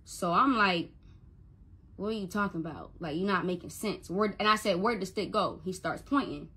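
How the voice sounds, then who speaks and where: A young woman with a husky, breathy edge to her voice speaks with a tense, forceful push. She tells a raw personal story straight to the camera. She stumbles and repeats words whenever she gets worked up. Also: on the low side, moderate pace. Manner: stutters and repeats words when upset. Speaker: mother telling her story. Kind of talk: emotional personal account to camera.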